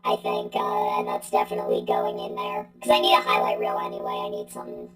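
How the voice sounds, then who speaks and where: A woman's voice: rumbling low, monotone, quick pace, whispered, over loud music, voice pushed down, rough recording. A woman speaking through a robot voice changer that turns her into a robot child, chatting in a rambling way. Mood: flat robotic. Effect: robot voice changer filter.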